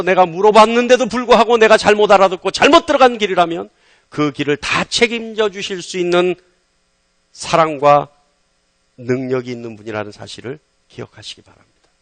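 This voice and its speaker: A man with a high voice preaches a sermon with fervent emphasis, stacking one rhetorical question on another. He swings between ringing loud lines and hushed ones, and the sound is dry and close with little room echo. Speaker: pastor.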